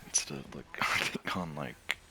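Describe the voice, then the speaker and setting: A man talking to camera in a casual rambling monologue about games, with lots of fillers, frequent laughter and soft, near-whispered asides. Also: very deep voice, measured pace, creaky, noisy background. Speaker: streamer and gamer.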